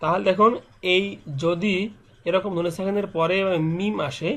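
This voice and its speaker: A man with a slightly raised voice teaches Quran recitation rules. He speaks patiently and repeats each letter and rule. When he demonstrates, he stretches the nasal sounds out slowly. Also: high-pitched, steady tone, pushed and bright. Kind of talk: step-by-step recitation lesson.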